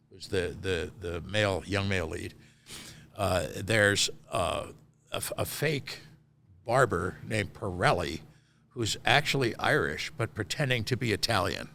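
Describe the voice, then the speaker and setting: Chatty man with a lowish voice. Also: a little slow, gravelly, bright, forceful tone, slight background noise. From Northeastern Pennsylvania. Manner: chatty, self-deprecating, repeats words when starting. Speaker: theatre general manager, guest. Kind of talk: casual interview conversation.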